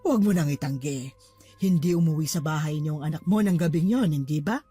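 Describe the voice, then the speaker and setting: A woman doing a husky, vengeful older mother. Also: low-pitched, a little fast, warm tone, faint music behind. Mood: accusing. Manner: cold, accusing, preaching. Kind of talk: dramatized horror story reading.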